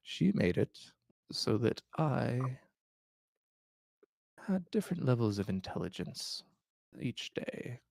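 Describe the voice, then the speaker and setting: A man voicing a very old, frail schemer, weary with age, in a wavering, halting, genteel voice for a tabletop game. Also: medium pitch, very animated, gravelly, a little mellow, no echo, exaggerated voice. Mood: solemn, confessional.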